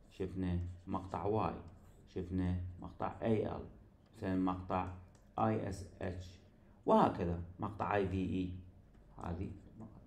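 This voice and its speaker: A man with an Iraqi Arabic accent teaches an online English grammar class, explaining patiently and often checking that his students follow. His voice is gravelly and mellow, and the room around him rings with a noticeable echo. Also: low-pitched. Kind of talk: recorded online lecture.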